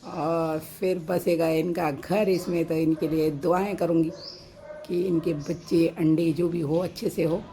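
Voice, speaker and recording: A woman from Uttarakhand with a Pahadi Hindi accent, vlogging from her sunny rooftop balcony on a phone camera, keeping her voice low and soft so she does not scare the birds. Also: fairly even intonation, a little slow, slight background noise. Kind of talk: casual vlog narration. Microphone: phone camera held by the speaker.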